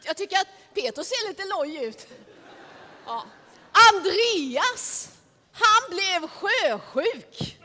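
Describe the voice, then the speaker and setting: High, bright woman telling a Bible story. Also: long reverb tail. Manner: lively, speaks directly to the listeners.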